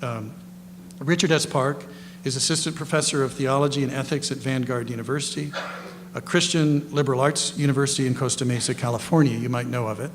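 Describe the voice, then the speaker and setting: A man's voice: medium pitch, steady tone, brisk. A man hosting a lecture event, giving informal, partly read introductions in a rambling, self-correcting way with folksy asides. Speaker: lecture host introducing guest panelists. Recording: echoey hall, clear background noise and hum.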